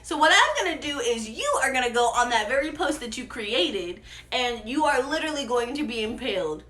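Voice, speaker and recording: A woman's voice: fairly high pitch, big pitch swings, fairly quick, a bit bright, roomy sound. A woman voicing an ancient king, a doting husband who turns to outrage, in a playful, exaggerated retelling. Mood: sentencing.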